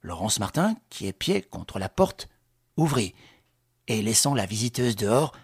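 A male audiobook narrator with a husky, breathy voice, reading in a measured, dramatic storytelling manner. His pitch moves expressively through the sentences, and he is recorded close and dry with no room echo. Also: sing-song. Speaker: audiobook reader. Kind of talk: scripted narration.

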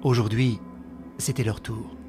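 A man reading a novel aloud as audiobook narration, in a grave, measured storytelling manner. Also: medium pitch, fairly even intonation, dark tone, soft background music. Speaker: reader.

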